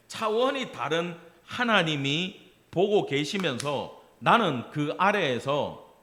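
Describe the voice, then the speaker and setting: Man, middle-aged, pastor, sermon, lively pitch, slightly higher voice, asks listeners questions. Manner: lively, acts out family dialogue, asks congregation questions. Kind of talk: Wednesday sermon. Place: church sanctuary.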